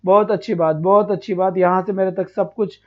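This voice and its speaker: High-voiced man teaching, dull muffled audio. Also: fairly even intonation, brisk. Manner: asks and answers his own questions, repeating each point; praises students warmly, calls them child. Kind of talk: online exam-prep class.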